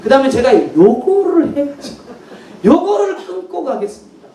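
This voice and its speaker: A man's voice: very high-pitched, sing-song, normal speed, dark tone, a little hiss or hum, voice pushed up, full character voice. A male pastor voicing an earnest, grateful older businessman in a sermon story. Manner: earnest, polite. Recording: echoey hall, mic far off.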